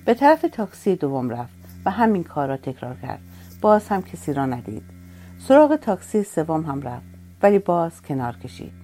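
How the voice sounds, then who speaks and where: A woman's voice: low voice, sing-song. A woman narrating a first-person story in a sorrowful, reflective way. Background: soft music.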